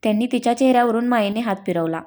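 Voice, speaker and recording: A woman reading a story aloud, narrating at an even pace and lifting her voice a little for the characters' lines. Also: a little high, racing.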